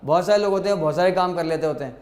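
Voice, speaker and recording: A man teaching English vocabulary, slowly dictating words and meanings and repeating them for students. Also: sits high, darkish tone, echoey room. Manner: slow, deliberate, repeats words for students to note down.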